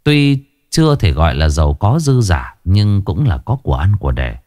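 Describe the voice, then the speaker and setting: A man narrating a ghost story in an expressive storytelling voice. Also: low-pitched, normal speed, no room sound, clean studio sound.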